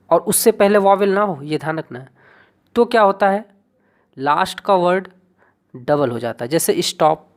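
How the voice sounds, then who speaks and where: A woman teaching an online English exam-prep lesson, explaining rules step by step and spelling words out letter by letter. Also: fairly low pitch.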